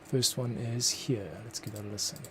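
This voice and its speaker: Speaking at a normal speed with medium pitch and a flat delivery, this man is a composer walking viewers through his workflow. He mutters and thinks out loud in relaxed livestream commentary. Keyboard clicks, typing and background noise fill the clearly noisy room.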